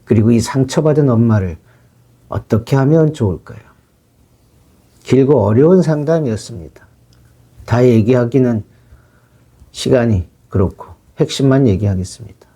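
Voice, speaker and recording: A man's voice: mid-range voice, expressive, normal speed, pauses often, mellow, breathy edge. A middle-aged counselor talking through a family case in a firm, lecturing way, re-enacting his stern talk with a child. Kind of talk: spoken commentary on a counseling case.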